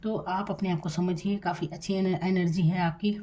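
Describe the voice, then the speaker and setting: A woman from India giving a tarot reading, speaking quietly and calmly and addressing the viewer directly with reassurance. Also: lowish voice, slight background noise. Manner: soft-spoken, deliberately quiet. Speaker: tarot reader.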